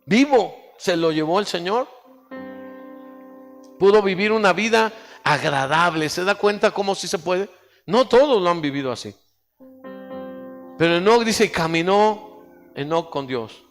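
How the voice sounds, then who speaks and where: A man's voice: sits high, animated, measured pace, long pauses. A male pastor preaching a sermon, calling on the congregation to repeat phrases after him. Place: church hall. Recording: church hall reverb with faint music.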